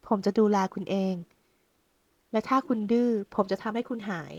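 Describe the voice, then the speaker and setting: A woman voicing a possessive, sly young husband who speaks in a smooth, coaxing, teasing way in a romance audiobook. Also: a little high, fairly even intonation, normal speed, darkish tone, no room sound, dull audio, natural voice.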